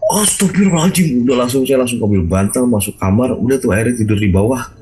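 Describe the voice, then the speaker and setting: A man hosting a video call, casually telling his own ghost story in an animated way, acting out sounds with big jumps in his voice. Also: fairly low pitch, fast talker, low-quality recording.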